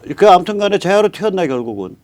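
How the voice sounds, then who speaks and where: A man's voice: high-pitched, big pitch swings, fast talker, darkish tone. A man in his sixties hosting a political talk show who often cuts in and stammers at the start of his phrases. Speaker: host.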